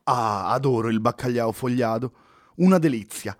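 A man voicing an excitable male poet who speaks in a formal, old-fashioned way, in a dry-sounding recording. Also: mid-range voice, normal speed, no room sound, natural voice. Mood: pleased.

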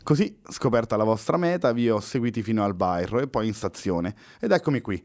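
A man's voice: sits low, quick pace, dry recording, lightly acted. A man reading a story aloud, voicing a cheerful, wry male poet who rescues the others. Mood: upbeat. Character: poet hero, upbeat and ironic.

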